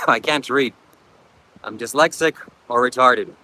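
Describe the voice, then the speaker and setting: On a windy beach, the wind faint, a livestream host with a Ukrainian accent speaks English as a second language, reading out comments between frequent coughs and reflective tangents. His voice sits in the mid range, slow, bright and forceful.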